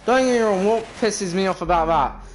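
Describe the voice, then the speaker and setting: A man's voice: sits high, brisk. A British man giving casual, grumbling, exasperated commentary while playing a racing game. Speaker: gamer, video creator. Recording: racing car noise behind voice. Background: racing game engine sound.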